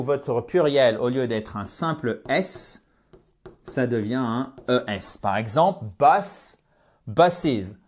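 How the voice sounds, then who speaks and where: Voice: medium pitch, darkish tone. An English teacher giving a beginner grammar lesson, repeating example words and stressing pronunciation, checking in with viewers with a frequent "ok?". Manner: addresses viewers directly with frequent "ok?".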